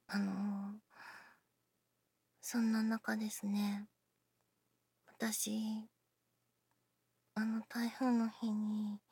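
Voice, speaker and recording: A woman chatting casually to her listeners, self-deprecating, often dropping into breathy near-whispers while she talks through an injured shoulder. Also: on the high side, darkish tone, dry recording. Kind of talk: casual personal talk to listeners.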